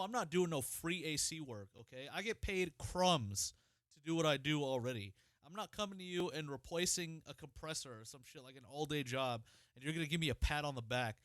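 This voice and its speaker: Man co-hosting a podcast, casual profane rants, fairly high voice, dry sound. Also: normal speed, dry recording. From Ohio, United States. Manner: profane, animated ranting. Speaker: podcast co-host. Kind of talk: casual chat.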